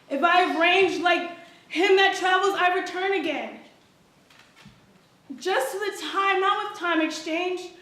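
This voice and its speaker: A woman reciting a sonnet deliberately, as a contestant in a recitation. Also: very high voice, a bit bright. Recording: very echoey hall.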